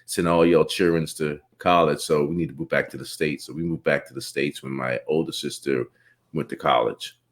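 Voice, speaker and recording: A man from the Bahamas hosting a casual interview, talking in a relaxed, rambling way and laughing often. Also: a bass voice, moderate pace. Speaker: podcast host.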